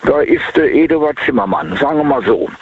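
A man calling in to a radio show over the phone from his car, talking in a halting way with many fillers. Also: fairly high pitch, lively intonation, breathy edge. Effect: heard over the phone. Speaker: radio call-in caller. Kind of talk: casual call-in chat. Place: sitting in a car. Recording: muffled phone line from a car.

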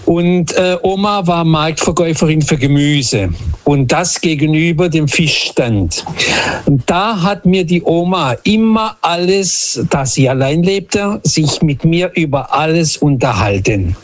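A man's voice: a little high, lively intonation, measured pace. A man from Portugal calling in to a radio show and earnestly sharing a memory. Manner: earnest, heartfelt. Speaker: caller. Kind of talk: telling a story on a radio phone-in.

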